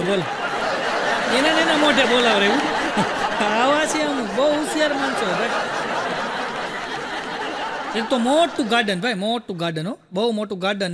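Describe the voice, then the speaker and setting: A male comedian, telling folksy jokes to a live audience. His voice sits very high and comes across bright and forceful. A long reverb trails behind every line. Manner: folksy storytelling, full of "I said" and "he said". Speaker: stand-up comedian. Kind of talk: stand-up joke telling on stage. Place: stage show with a live audience.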